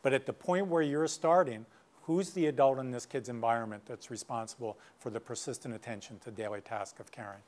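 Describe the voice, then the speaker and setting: A middle-aged man leading a professional workshop, his voice sitting at an ordinary mid pitch. He talks loosely and conversationally, with frequent asides and stories from his practice. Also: brisk, a little mellow. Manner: conversational, many asides and anecdotes. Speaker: guest speaker, clinician. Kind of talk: workshop lecture.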